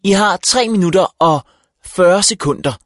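A curt, impatient school librarian woman, as a male reader puts her on in a storybook. She talks in short, clipped lines, with her pitch lifted well above his own. The sound is dry and close. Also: no room sound, close to an everyday voice. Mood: brisk. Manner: curt, clipped, counting down time.

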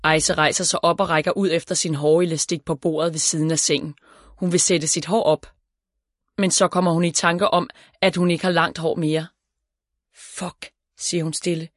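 A woman reading a children's story aloud in a calm, even storytelling voice. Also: fairly low pitch, no echo, studio quality. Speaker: narrator.

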